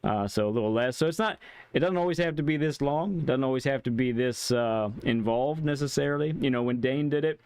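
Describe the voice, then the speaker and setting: Clear-voiced man hosting a gaming stream. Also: mid-range voice, a little fast, darkish tone, dry recording. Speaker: host of a gaming live stream. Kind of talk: casual live stream chat.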